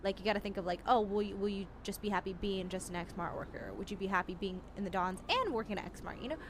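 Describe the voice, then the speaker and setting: A woman's voice: medium pitch, fast talker, noisy background. A woman in an in-character roleplay chat, giving earnest advice full of "like" and restarts. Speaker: roleplayer in a gang.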